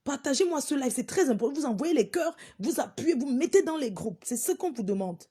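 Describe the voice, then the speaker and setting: Woman, live stream host, high pitch, scolding, repetitive, exasperated. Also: animated, a little fast, dark tone. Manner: exasperated, repeats herself, scolding.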